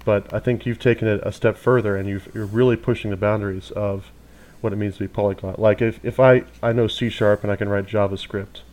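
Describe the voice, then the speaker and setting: A man with a somewhat low voice hosting a conversational interview. He affirms the guest's points and checks in with tag questions before asking the next one. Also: steady tone, brisk, a little mellow. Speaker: interviewer, host.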